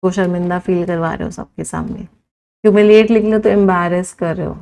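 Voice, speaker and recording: A young Indian woman teaching English vocabulary in an online class. She reels off lists of synonyms and slows down to dictate idioms. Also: fairly low pitch, steady tone, gravelly, mellow, clean tone. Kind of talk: live online vocabulary lesson.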